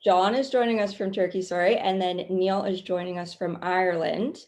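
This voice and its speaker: A woman's voice: fairly low pitch, steady tone, a little mellow. A young woman from Canada, a student co-host asking questions casually with lots of ums. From Calgary, Canada. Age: young adult. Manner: friendly, filler-heavy, quick asides. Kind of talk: casual interview hosting.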